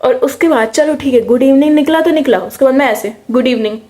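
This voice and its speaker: A woman's voice: high-pitched, quick pace. A young woman with an Indian accent telling a personal story in a casual, chatty way. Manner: chatty, animated, mixes English words into speech. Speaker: vlogger.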